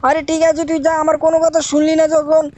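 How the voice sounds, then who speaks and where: A woman's voice: high-pitched, completely flat delivery, fast talker, dark tone, no echo, lightly acted. A woman voicing a grown male household servant in a fan-dubbed game video, meek and pleading. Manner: pleading, calls the boy brother.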